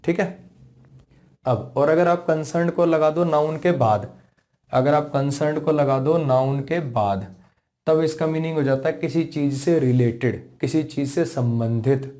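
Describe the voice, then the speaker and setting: His voice sits on the high side with a dark tone as he, a man with an Indian accent, gives a classroom English grammar lesson. Patient and repetitive, he keeps checking his students understand, slowing sharply to spell out example sentences.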